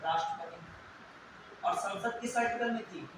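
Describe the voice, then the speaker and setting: A young man teaching a class, with a fairly high voice, firing recall questions at his students and then supplying the answers himself. He is heard from a distance in a very echoey room. A steady hiss sits under the recording. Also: normal speed.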